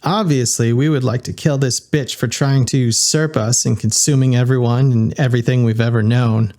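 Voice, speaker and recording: A man voicing a blunt, sharp-tongued female robot in a flat monotone. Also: medium pitch, normal speed, lightly acted. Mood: flat impatient.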